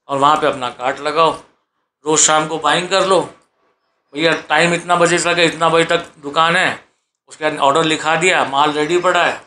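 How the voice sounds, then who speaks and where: Forceful, preachy Hindi-speaking man. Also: fairly high pitch, a little hiss or hum. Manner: preachy, repeats himself, fires rhetorical questions. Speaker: vlogger. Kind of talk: exhortative monologue. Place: sitting on a sofa at home.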